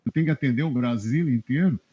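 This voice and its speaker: A middle-aged man from southern Brazil, a journalist guest telling animated anecdotes in a casual interview and chuckling often. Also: medium pitch, fast talker, slightly rough. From Rio Grande do Sul, Brazil. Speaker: journalist guest, press adviser. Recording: dull lo-fi web radio audio.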